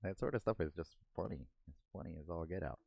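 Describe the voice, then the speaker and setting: Very deep-voiced laid-back man. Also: expressive, fast, vocal fry, slightly rough, no echo, highs cut off. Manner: laid-back, laughs often, acts out cartoon bits. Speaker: podcast host and artist. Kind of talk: casual chat while doodling. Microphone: desk microphone.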